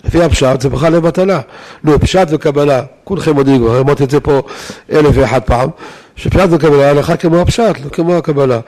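Man giving a lively Torah lesson. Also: a little high. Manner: lively, rhetorical questions to listeners. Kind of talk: weekly Torah lesson to a live audience.

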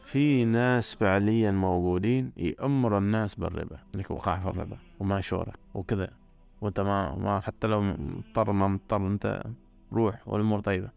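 A man's voice: lowish voice, steady tone, fairly quick, vocal fry, a little mellow, faint music behind. A man giving an earnest religious talk, stressing points by repeating words. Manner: earnest, repetitive emphasis.

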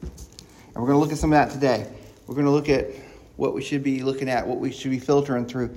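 A man preaching a sermon, excited and quick, with frequent restarts and repeated words. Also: mid-range voice, a little hiss or hum. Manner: excited, talking fast with many restarts.

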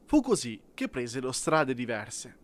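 A man with a mid-range voice narrates a children's audiobook at a measured pace, using an expressive storytelling style.

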